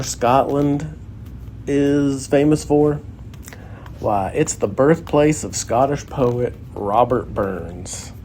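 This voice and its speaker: Slow, sarcastic man ranting. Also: medium pitch, dark tone, a little hiss or hum. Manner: sarcastic, grumbling complaints. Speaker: guest comedian. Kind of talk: comedic rant.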